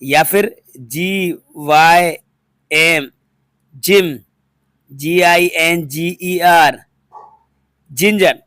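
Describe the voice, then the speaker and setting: A man's voice: fairly high pitch, extremely slow, long pauses, fairly bright tone, no echo, studio quality. A man teaching a phonics lesson to students, patiently spelling words out letter by letter and repeating each one. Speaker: English teacher.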